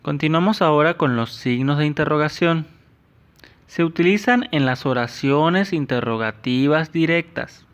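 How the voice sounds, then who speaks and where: A man with an Ecuadorian Spanish accent, a teacher giving a lesson to children, explaining slowly and carefully. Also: on the high side, clean tone. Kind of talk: classroom lesson. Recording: dull lo-fi sound.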